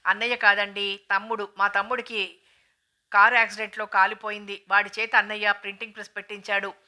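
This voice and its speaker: A woman's voice: mid-range voice, level tone, brisk, bright, forceful tone. A woman reading the lines of a shy, troubled young woman who speaks hesitantly. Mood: sad.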